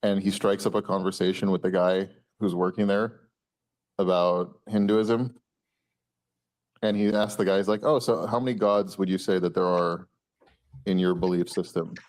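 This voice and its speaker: A man's voice: sits low, fairly even intonation, normal speed, a little mellow. A man from Israel telling jokey stories on a casual livestream, leaning on "like". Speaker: co-host. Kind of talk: casual storytelling chat.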